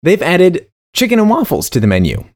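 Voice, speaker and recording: A man's voice: high voice, huge pitch swings, a little fast, a little mellow. A man co-hosting a casual comedy podcast, playful and mock-serious, reading food news and stumbling over tongue twisters. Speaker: podcast co-host.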